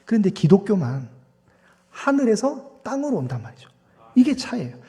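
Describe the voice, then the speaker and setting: A man's voice: high-pitched, very animated, moderate pace, warm tone, big-room sound. A man preaching a Sunday sermon as pastor, talking with the congregation and asking them questions. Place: church sanctuary.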